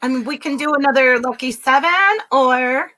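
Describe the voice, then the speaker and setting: A woman's voice: sits high, moderate pace, bright, forceful tone. A woman hosting a casual live event with an upbeat, encouraging manner. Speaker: event host.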